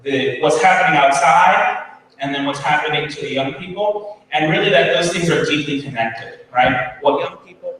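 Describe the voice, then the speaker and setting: A man's voice: fairly high pitch, normal speed, fairly bright tone. Man giving a keynote in an echoey hall. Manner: earnest, many ums and restarts. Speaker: keynote speaker. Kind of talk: conference keynote speech. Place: school hall with audience. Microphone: far from the recording device. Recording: roomy hall from far off, faint ambience.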